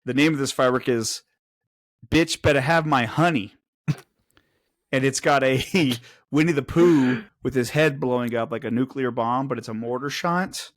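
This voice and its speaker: A man co-hosting a casual podcast, animated and laughing, often slipping into silly voices. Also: medium pitch, moderate pace. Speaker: podcast co-host. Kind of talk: casual chat.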